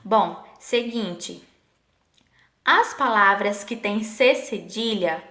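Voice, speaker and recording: A woman's voice: medium pitch, lively intonation, sharp tone. Patient woman teacher in an echoey room. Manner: patient, asks the class questions, slows to spell out sample words. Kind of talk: online Portuguese lesson.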